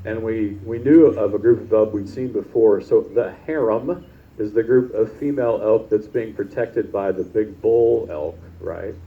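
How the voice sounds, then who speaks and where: A man preaching a conversational sermon, telling personal stories in a chatty, informal way and often tossing in "right?". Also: fairly low pitch. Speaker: pastor. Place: church service. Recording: dull, lo-fi service recording.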